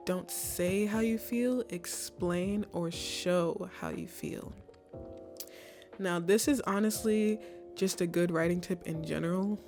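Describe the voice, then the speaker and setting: A woman's voice: on the low side, slow, over music. A young woman casually giving college essay advice, chatty and full of "like"s and restarts. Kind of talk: casual advice talk to camera.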